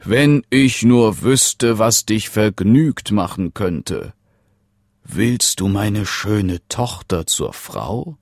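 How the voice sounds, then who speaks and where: A man's voice: fairly low pitch, lively intonation, extremely slow, dry recording, studio quality, voice pushed up, full character voice. A man doing a coaxing old king. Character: old king, kindly but suspicious.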